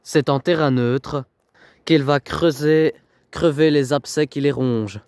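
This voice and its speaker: A man giving scripted voice-over narration for a reality documentary, with dramatic, punchy phrasing and pauses. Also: on the high side, darkish tone, no echo.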